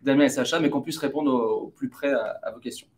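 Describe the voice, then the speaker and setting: A man's voice: medium pitch, fast talker. A man hosting a live webinar, upbeat and joking as he puts questions to the experts. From France. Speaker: webinar host.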